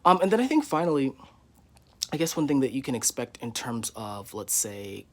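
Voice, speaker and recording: A man's voice: medium pitch, sing-song, normal speed. A man in his twenties giving a casual, candid vlog update from his living room, rambling with many fillers. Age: 20s. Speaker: YouTuber.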